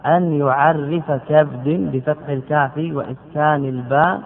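A man giving a classical Arabic grammar lesson, drilling word forms by repeating them slowly and putting questions to his students. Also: a little high. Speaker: grammar teacher. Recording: tinny phone-like lecture recording.

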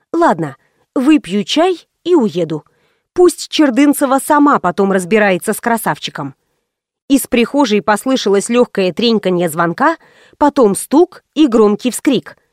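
A woman narrating a first-person audiobook with lively, ironic storytelling. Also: fairly high pitch, no room sound, clean studio sound.

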